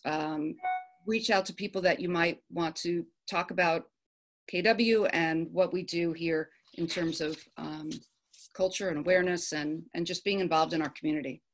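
A woman presenting an upcoming event in a virtual office meeting, halting, with many ums and uhs, over a video call. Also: fairly low pitch, fairly even intonation. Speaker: committee presenter.

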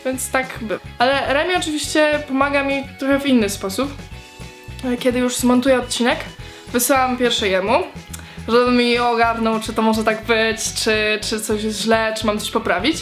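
A woman's voice: fairly high pitch, steady tone, normal speed, soft background music. A young woman answering viewer questions in a casual vlog, chatty and hesitant, with many fillers and restarts.

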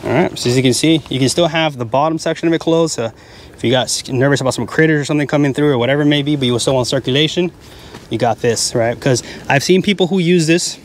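Fast-talking man touring a tent. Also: fairly high pitch, slight background noise. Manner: chatty, explaining as he points things out. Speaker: camping vlogger giving a tent tour. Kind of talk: casual walkthrough. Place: inside a large tent at a wooded campground. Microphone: handheld mic in hand.

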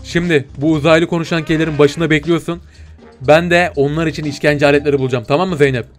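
A man hosting a game parody video in character as a commander, bossy and excitable, barking orders and chatting in slang. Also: on the high side, quick pace, soft background music. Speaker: gaming video host.

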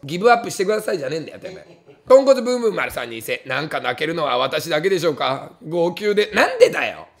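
Gravelly, lively man snapping back at comments. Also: very fast. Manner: snaps back at each comment with angry comic retorts; bursts into loud high laughs. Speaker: comedian streamer. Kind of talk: livestream chat reading with comic rants.

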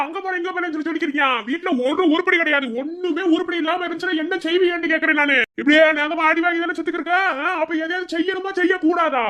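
A performer voicing a drunk, angry middle-aged father in a cartoon, scolding roughly with a Madurai accent. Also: very high voice, pushed and bright. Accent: Madurai Tamil. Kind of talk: cartoon voice acting.

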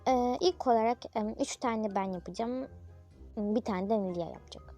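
A woman's voice: fairly high pitch, moderate pace, dark tone, faint music behind. A young female narrator chatting through a toy role-play video, playful and dramatic, talking straight to her viewers.

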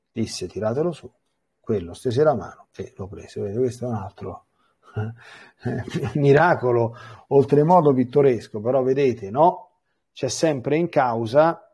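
Brief: male priest, warm dark husky tone, teaching scripture with animated readings and repeated restarts. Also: medium pitch. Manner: repeats words and restarts phrases. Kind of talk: biblical catechesis with scripture reading.

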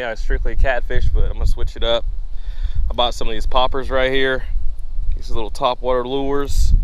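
A man's voice: medium pitch, a little hiss or hum, low-quality recording. A young man hosting a casual fishing vlog outdoors who swears freely, recorded on a head-mounted action camera. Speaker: vlogger host. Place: outdoors by a pond and creek.

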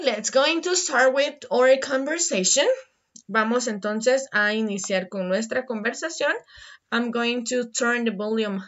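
A woman's voice: a little high, fairly bright tone, dull audio. A woman teaching an English class online, switching between Spanish and English and checking in with "verdad?".

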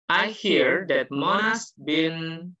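A man's voice: fairly high pitch, animated, drawn-out words, pushed and bright. A man teaching an English class online, explaining patiently and mixing in English phrases, his voice carrying a heavy echo. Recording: muffled, echoey online class audio.

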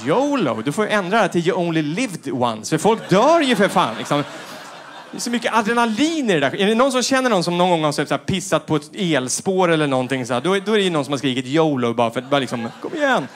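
A middle-aged man doing stand-up comedy on a theater stage, acting out other people with sudden high-pitched shouts. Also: a little hiss or hum. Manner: animated, acts out quotes with sudden high shouts.

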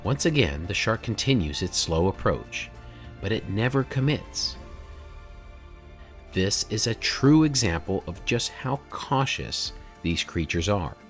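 A man in his forties, the channel's host, narrating a documentary voice-over in a measured, explanatory way with rhetorical questions. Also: on the low side, big pitch swings, fairly bright tone, soft background music. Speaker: drone videographer and channel host. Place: home studio room, indoors.

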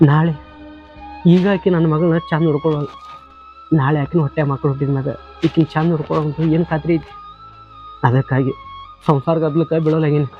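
A man's voice: a little high, fairly even intonation, a little fast, long pauses, muffled recording, faint music behind, natural voice. An actor playing a troubled remarried village father, pleading in North Karnataka Kannada, in a short film drama.

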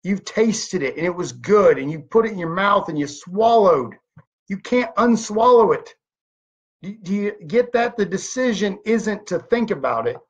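A man of thirty-nine, a network marketing leader, gives an energetic motivational talk from a home office into a desk webcam, using rhetorical questions and animated gestures. He speaks at normal speed in a high, slightly rough voice, with dull lo-fi audio.

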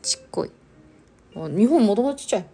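A woman's voice: medium pitch, lively intonation, a little fast, dark tone, slightly rough, soft background music. A young woman hosting a casual live stream, chatting with viewers and reading their comments aloud. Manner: chatty, reads viewer comments aloud, exclaims and laughs often.

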